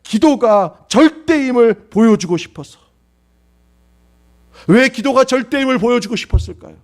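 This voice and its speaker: A man's voice: very high voice, lively intonation, normal speed. A male pastor preaching a sermon, acting out pleading prayers and rhetorical questions with dramatic swings.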